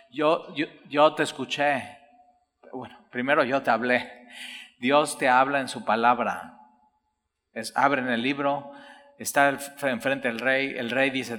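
A man's voice: mid-range voice, a bit bright. Preacher man in a reverberant hall. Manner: reads scripture aloud then explains, addresses listener directly. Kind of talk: sermon.

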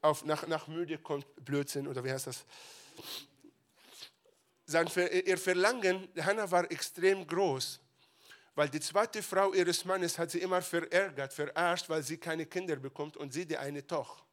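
A man preaching a lively sermon in a bright, forceful voice pitched a little high. He moves from near-shouted retellings to quiet, confiding asides. He drops English phrases into his German. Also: unhurried.

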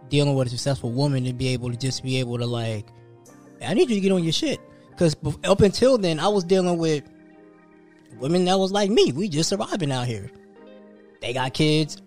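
This podcast host, a man in his thirties with a slightly high, darkish voice, tells loose, profanity-laced stories about his work and his goals.

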